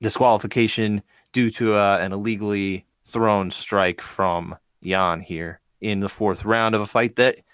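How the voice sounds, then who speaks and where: A man co-hosting a sports podcast in casual chat, animated and full of restarts and asides. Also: fairly low pitch, unhurried, few pauses, smooth, no echo, clean studio sound. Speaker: podcast co-host.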